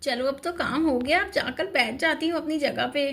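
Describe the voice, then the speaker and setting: A very high, squeaky little girl, put on by a woman, who frets and schemes her way through a doll story. She talks in a whiny, excited rush. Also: moderate pace. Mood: scheming. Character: little girl patient Shaili, scared and scheming.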